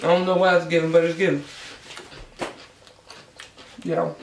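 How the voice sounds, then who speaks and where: A vlogger chatting casually and bluntly to viewers between bites of food, telling things in an animated way. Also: medium pitch, normal speed, a little hiss or hum. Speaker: mukbang vlogger. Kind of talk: casual chatty mukbang vlog while eating. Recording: echoey room.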